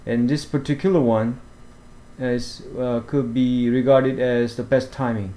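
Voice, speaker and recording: A man walking through fishing apps over a screen recording, talking haltingly with many fillers and restarts. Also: medium pitch, fairly even intonation, dark tone. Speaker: fishing vlogger. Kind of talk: screen-share app walkthrough.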